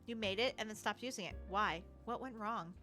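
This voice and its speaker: A woman's voice: medium pitch, fairly quick, bright, forceful tone, soft background music, lightly acted. A woman voicing a blunt, sarcastic young freelance supervillain in a comic game. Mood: pressing.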